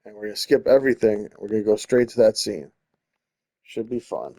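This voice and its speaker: His voice is lowish, brisk and a little mellow, with lively intonation. Hosting a gaming video, he mixes informal musings with reading the story text aloud during play.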